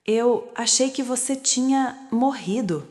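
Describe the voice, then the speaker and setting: A woman's voice: fairly high pitch, slow pace, a little mellow, pitched above the performer's own voice. A woman voicing a fearful, guilt-ridden elderly aunt, asking shaky, pleading questions. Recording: long reverb.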